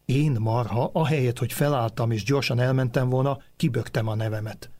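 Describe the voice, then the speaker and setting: Husky man reading a memoir. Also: medium pitch, steady tone, darkish tone. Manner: measured storytelling, voicing the dialogue with small shifts.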